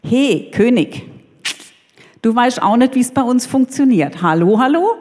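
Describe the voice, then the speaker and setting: A woman's voice: on the high side, lively intonation, measured pace, darkish tone. A woman voicing a prophet's messenger, an adult man who talks in a casual, cocky, teasing way, in a church hall with a long reverb. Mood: breezy.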